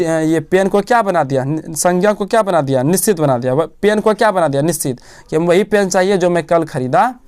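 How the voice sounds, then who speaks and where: Smooth-voiced male tutor drilling grammar. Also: high-pitched, a little mellow. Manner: asks questions and answers them himself, repeating key words. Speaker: teacher. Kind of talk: classroom-style grammar lesson.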